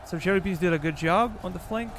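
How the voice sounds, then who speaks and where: He's a game streamer from Serbia, speaking fast in a high voice with a Serbian accent. Over background noise, he gives casual live commentary on a strategy game, ordering troops and chatting with viewers.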